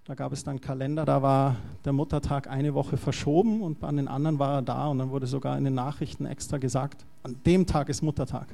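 A man's voice: medium pitch, steady tone, brisk, gravelly, hardly any pauses, warm tone. A male pastor giving a conversational, explanatory sermon.

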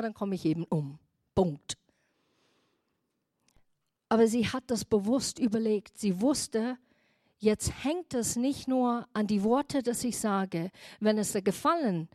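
A woman pastor giving a sermon who retells Bible stories in a lively, emphatic way. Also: fairly high pitch, no room sound, clean studio sound.

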